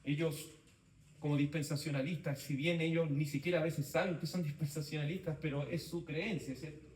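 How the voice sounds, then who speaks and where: Male Bible teacher, slightly high voice, lectures in short repeated phrases, recorded from across an echoey room. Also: steady tone, brisk, a little mellow, distant mic. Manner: speaks in short phrases, repeats key points, asks the class to confirm. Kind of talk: theology class lecture. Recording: roomy echo, voice from off-mic, faint background noise.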